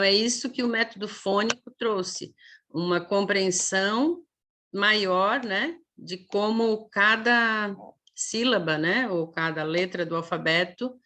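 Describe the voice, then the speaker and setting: Brazilian woman teacher, bright voice, explanatory lecture tone, drawn-out demo sounds. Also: medium pitch. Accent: Brazilian Portuguese. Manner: explanatory, many "né?" tags, stretches sounds slowly to demonstrate. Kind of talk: online lecture.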